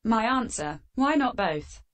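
A woman hosting a fan Q&A with sarcastic, deadpan answers, her voice run through a metallic filter. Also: on the high side, measured pace. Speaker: channel host answering fan questions. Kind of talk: scripted comedic Q&A.

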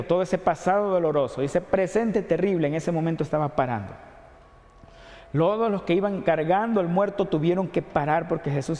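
A pastor with an Ecuadorian Spanish accent preaches a sermon in a mellow voice, earnestly posing rhetorical questions and dropping low on key points. A long hall reverb trails his words.

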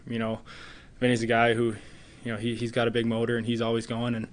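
A man in his twenties, a hockey player, answers postgame press questions earnestly at a table mic in front of him in an arena press room. His medium-pitched voice is completely flat and he talks fast, dropping in lots of "you know" fillers.

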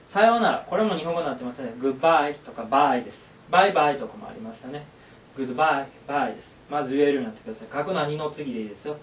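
A man's voice: mid-range voice, rapid-fire, far from the mic, a little hiss or hum. Upbeat man teaching in an echoey room. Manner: upbeat, encouraging, repeats phrases aloud. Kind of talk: classroom lesson.

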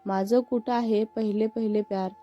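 A woman's voice: mid-range voice, steady tone, moderate pace, natural voice. Woman voicing a giggly carefree young woman. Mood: playful. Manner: playful, giggly. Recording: muffled with faint background music.

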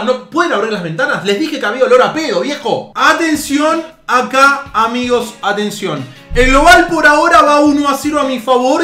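High-pitched Argentine man hyped over a game. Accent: Argentine Spanish. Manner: playful, talks to players like a coach, yells at goals. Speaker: gaming youtuber. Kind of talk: excited gameplay commentary. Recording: echoey room with music behind.

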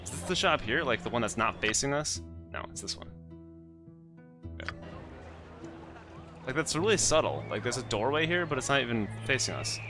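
A man's voice: medium pitch, animated, normal speed, long pauses, music in the background. A man casually commenting on his own gameplay as the host of a let's play, chatty and self-mocking, talking to the characters on screen.

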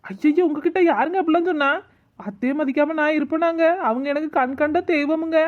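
A woman voices the lead character in a cartoon comedy: a cheeky, lazy young wife who is always hungry and talks back. Her natural voice sits high and runs a little fast, sweetly impudent as she talks to herself, and the recording sounds lo-fi.

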